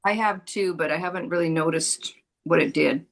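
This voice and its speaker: A woman's voice: sits low, moderate pace, creaky. A woman chatting casually as a participant in an online session. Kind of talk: casual chat. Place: on an online video call.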